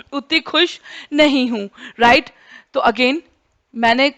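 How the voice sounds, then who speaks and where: A woman's voice: sits high, fairly bright tone. A young woman teacher giving a lecture, explaining with spoken examples and often checking in with "right?". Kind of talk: Hindi-English mixed classroom lecture.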